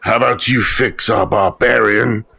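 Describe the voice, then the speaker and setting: A man's voice: lowish voice, fairly even intonation, unhurried, vocal fry, pushed and bright, breathy edge. A man playing a tabletop game, talking in casual chat.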